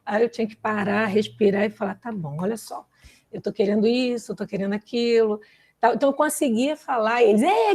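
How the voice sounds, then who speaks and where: A woman talks through a personal testimony in a Bible study class. Her voice sits a little high but has a mellow tone, and she speaks earnestly and confidingly, often tagging her sentences with little fillers. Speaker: Bible study group presenter.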